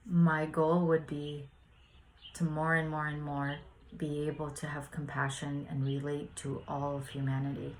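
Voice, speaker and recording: Soft-spoken low-voiced woman sharing reflections. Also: flat delivery, measured pace, low-quality recording. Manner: soft-spoken, hesitant, many fillers. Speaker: spiritual study vlogger.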